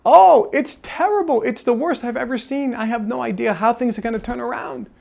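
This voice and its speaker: A man's voice: extremely high pitch, fairly even intonation, fairly quick, creaky, pitched above the performer's own voice. A man voicing a wealthy businessman friend who laughs off his own troubles with carefree exclamations. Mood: laughing, carefree.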